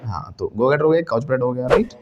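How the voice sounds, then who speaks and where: A man's voice: mid-range voice, animated, quick pace, lo-fi sound, a crowd in the background. A man teaching spoken English to a class, playful and joking as he drills call-and-response phrases. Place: classroom with students.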